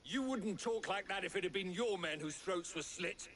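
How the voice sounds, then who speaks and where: A man's voice: high-pitched, moderate pace, fairly bright tone, a little hiss or hum. An actor playing a vengeful male villager in a video game, speaking harshly and bitterly. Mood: furious. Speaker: game character.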